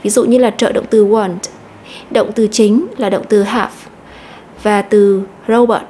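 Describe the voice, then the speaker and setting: A woman teacher explaining an English lesson step by step, slowly repeating each word to stress. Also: medium pitch, fairly even intonation, warm tone, slight background noise. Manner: methodical, repeats words slowly.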